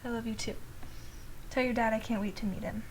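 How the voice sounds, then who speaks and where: An actress playing a patient girlfriend giving calm, reassuring advice. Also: fairly high pitch, a little fast, close to an everyday voice. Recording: noisy background.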